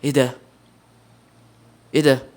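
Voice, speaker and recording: An excitable young man with an Egyptian Arabic accent, giving let's-play commentary on a horror game, yelping in alarm and muttering to himself. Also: medium pitch, measured pace. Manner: excitable, shouts in alarm, mutters under breath. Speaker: gaming channel host.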